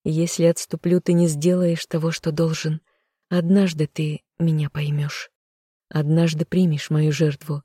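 An audiobook narrator voicing a sorrowful, self-sacrificing mother who speaks softly and quietly. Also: medium pitch, flat delivery, measured pace, husky, no echo, studio quality. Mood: sorrowful tender. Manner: soft, quiet and resigned. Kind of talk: audiobook character reading.

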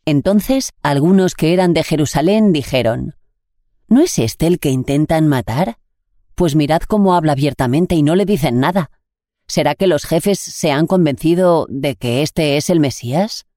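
A reader with a Spain Spanish accent, slowly and solemnly reading a Gospel passage and a reflection on it. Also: mid-range voice, lively intonation, warm tone, no room sound, clean studio sound. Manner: measured, solemn, deliberate phrasing. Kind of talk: scripted liturgical reading.

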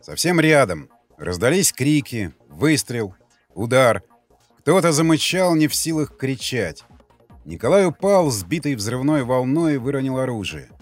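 A man narrating a dramatic audiobook in a tense, vivid reading that rises for loud quoted lines. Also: medium pitch.

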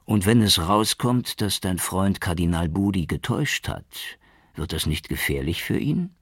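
A man's voice: low-pitched, animated, husky, dry recording, clean studio sound, heavily acted. Man voicing an earnest cautious inspector. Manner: earnest, measured. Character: earnest male police inspector, cautious and modest.

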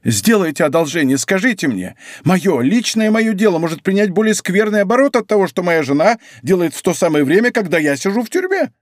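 Frantic whining shopkeeper, middle-aged male, read by a man, lively jumping pitch. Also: brisk, no echo, studio quality. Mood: agitated pleading. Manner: excitable, pleading, exclaiming. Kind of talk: audiobook character voice.

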